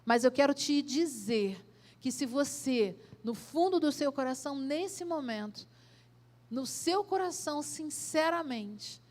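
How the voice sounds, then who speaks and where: A woman pastor with a Brazilian accent preaching a sermon in a church, asking direct questions and swelling loud then dropping soft. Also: high voice, animated, measured pace. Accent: Brazilian Portuguese.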